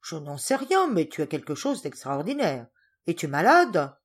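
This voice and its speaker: A woman's voice: low-pitched, big pitch swings, normal speed, husky, heavily acted. A woman reading aloud and voicing a fussy, talkative woman cousin who keeps asking questions. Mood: fussing. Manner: fussing, questioning.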